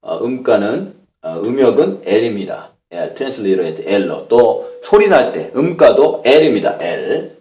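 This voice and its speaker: A man teaching a language class, explaining patiently step by step and pausing as he writes letters on a board. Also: fairly low pitch, a little mellow. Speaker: Hebrew language instructor. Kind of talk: classroom lecture. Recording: echoey room, voice a bit far from the mic.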